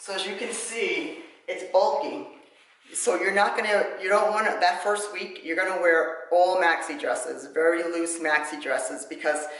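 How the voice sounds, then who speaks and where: A woman's voice: lowish voice, unhurried, a bit bright. A woman vlogger giving a casual, chatty how-to demonstration, explaining each step as she goes. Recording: roomy echoey room.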